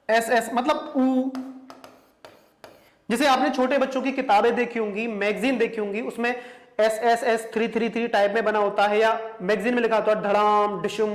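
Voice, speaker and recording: Man teaching in an echoey room. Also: very high voice. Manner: asks rhetorical questions, repeats points. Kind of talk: exam-prep classroom lesson.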